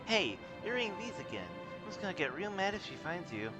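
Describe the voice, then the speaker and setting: A man's voice: high-pitched, very animated, fast talker, loud music behind the voice, pitched above the performer's own voice. A man voicing a cheerful, affectionate young girl, a playful little sister, while reading out video game dialogue. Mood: curious, eager.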